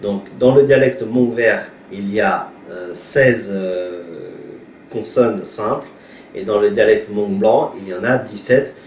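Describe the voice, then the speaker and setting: A man with Hmong as his first language teaches a language lesson at a very unhurried pace, patiently repeating each sound aloud. His voice sits back from the microphone in an echoey room. A faint hum of ambience runs underneath. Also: fairly low pitch, darkish tone, far from the mic. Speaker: pastor teaching Hmong reading. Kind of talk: slow spoken language lesson. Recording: roomy echo, voice from afar, faint ambience.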